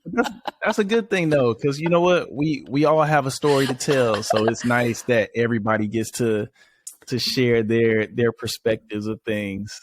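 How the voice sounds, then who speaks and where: A man's voice: mid-range voice, moderate pace, slight background noise. A man hosting a podcast, talking in a laid-back, casual way with lots of fillers. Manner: laid-back, many fillers like "you know". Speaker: podcast host. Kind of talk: casual interview chat.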